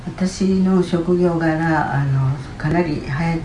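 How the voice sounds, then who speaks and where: A woman giving a personal healing testimony at church, telling her story in a chatty, lively way. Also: low-pitched, takes it slowly, roomy sound, slight background noise, rough recording. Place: church hall.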